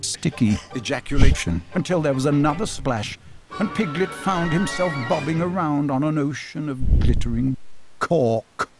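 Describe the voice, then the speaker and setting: A man's voice: on the high side, lively intonation, moderate pace. A man narrating a crude parody of a children's storybook in a mock-serious reading voice. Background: music.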